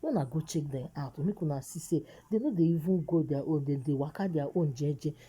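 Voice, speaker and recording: A woman's voice: low-pitched, lively intonation, a little fast, warm tone, slightly rough. A woman with a Nigerian accent giving casual gossip commentary in Nigerian Pidgin as a vlog host, urging listeners and repeating phrases for emphasis.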